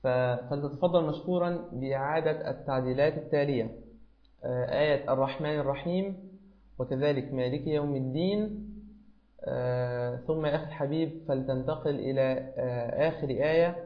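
A man's voice: on the high side, fairly quick, echoey room, highs cut off. A man teaching Quran recitation who corrects a student's pronunciation patiently and repeats each sound to show it.

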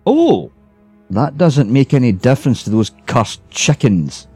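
A man's voice: medium pitch, big pitch swings, normal speed, mellow, no echo, faint music behind. Weary old-style ghost guy complaining, a man doing it in a storybook reading, dry close sound. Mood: bitter. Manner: grumbling complaints, then friendly. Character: weary grumbling male ghost, sociable but bitter.

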